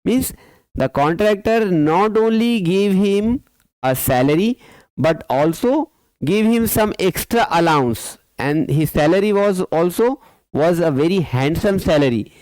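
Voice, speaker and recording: Slow-spoken man teaching a class. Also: high voice, expressive, a little mellow, no echo, low-quality recording. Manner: mixes Hindi-Urdu and English, repeats words slowly for students. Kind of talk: school lesson explanation.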